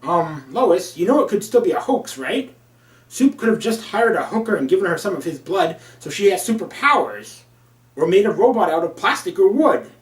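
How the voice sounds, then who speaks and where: A man's voice: high voice, big pitch swings, normal speed. A man reviewing an old comic book with sarcastic, crude asides. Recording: roomy, from a distance.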